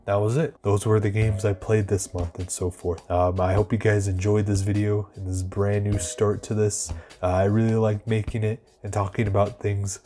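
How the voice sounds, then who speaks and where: A man with a fairly low voice talks through game reviews in a casual, slangy voice-over. His delivery is informal and a bit halting, with music playing underneath. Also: flat delivery, mellow.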